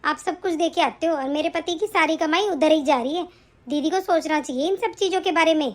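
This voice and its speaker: A woman voicing a mistreated young wife and mother in an animated story, earnest, pleading and tearful. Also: very high voice, brisk. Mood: arguing.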